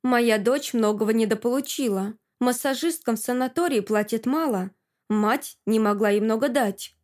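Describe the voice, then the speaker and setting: A woman reads a domineering man in an audiobook, slow and commanding, never raising the stakes in his tone. Each line lands curt and unbending. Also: fairly high pitch, darkish tone, lightly acted.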